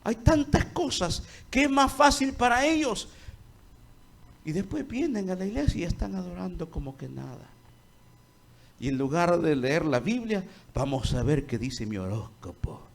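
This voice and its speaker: A man preaching an impassioned sermon in a church, swinging from loud to hushed. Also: sits high, lively intonation, normal speed, vocal fry.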